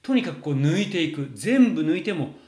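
A man coaching singing, answering viewer questions in a lively, explanatory way with frequent fillers. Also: a little high, a little fast. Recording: roomy echo.

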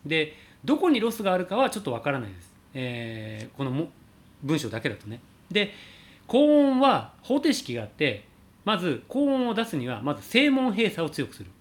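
A man teaching singing, calmly answering a viewer's question about high notes and showing sung slides. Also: a little fast. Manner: explains calmly, demonstrates sliding sung vowels.

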